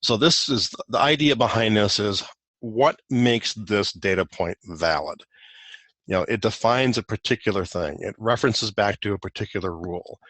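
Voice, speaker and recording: A man's voice: on the low side, normal speed, a bit bright, dry recording. A man presenting a technical guide in a recorded webinar walk-through, explaining loosely with many fillers and restarts.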